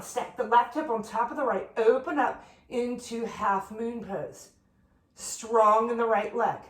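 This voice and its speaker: In an echoey room, a woman leading a yoga flow class gives calm, directive cues for each pose in a voice on the high side. Moving along with the class, she gets a little out of breath at times.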